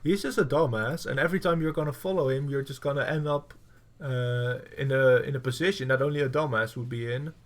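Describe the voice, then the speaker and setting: A man's voice: medium pitch, brisk, few pauses. A man coaching through a gameplay review, blunt and profane, with lots of fillers. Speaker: game coach.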